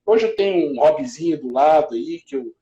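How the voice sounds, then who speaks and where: A man's voice: on the high side, lively intonation, fairly quick, mellow, reverberant, muffled recording. A middle-aged man, a building manager, telling his career story in a casual interview, rambling with many restarts. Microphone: video call.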